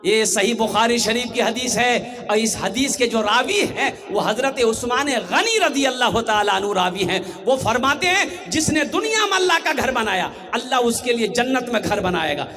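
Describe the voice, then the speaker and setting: Male preacher with a very high voice, emphatic sermon delivery that pushes the crowd to answer back. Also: animated, moderate pace. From Kolkata, India. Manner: emphatic, calls out questions to the crowd and rises to shouts. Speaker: Islamic preacher. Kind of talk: sermon at a mosque gathering.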